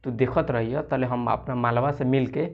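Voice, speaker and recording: A man's voice: medium pitch, fairly even intonation, normal speed, dull audio, voice pushed down, natural voice. A man with a Bhojpuri accent playing a sulky, complaining village friend in a comedy sketch. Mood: grumbling. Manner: complaining, sarcastic.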